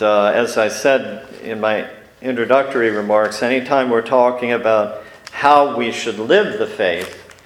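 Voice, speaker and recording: Male pastor preaching a sermon, measured and halting, in a reverberant church room. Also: on the low side, a little hiss or hum. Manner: measured, frequent fillers.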